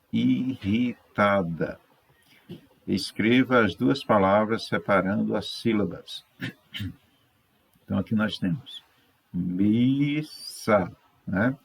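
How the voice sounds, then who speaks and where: A Brazilian man teaching a third-grade class, correcting exercises patiently, sounding words out slowly and checking in with his pupils. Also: on the low side, creaky, slightly rough. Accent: Brazilian Portuguese. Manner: slow, stretches out words syllable by syllable.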